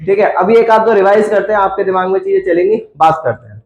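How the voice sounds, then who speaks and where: A man's voice: high-pitched, fast, highs cut off. A man teaching a science class in a chatty, coaxing lecture style, quizzing his students as he goes. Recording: echoey classroom.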